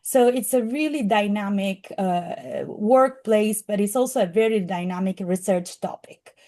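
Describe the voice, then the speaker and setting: A woman's voice: medium pitch, measured pace, mellow. Woman with a strong Italian accent. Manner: earnest, with frequent fillers and restarts. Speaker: program presenter. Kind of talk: presentation to an audience.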